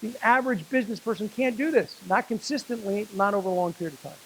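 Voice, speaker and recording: A man giving a motivational speech and telling a story to a business audience, slowing down for emphasis. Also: high-pitched, fairly bright tone, slight background noise, poor audio. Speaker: speaker at a business networking event. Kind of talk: motivational speech with a told joke.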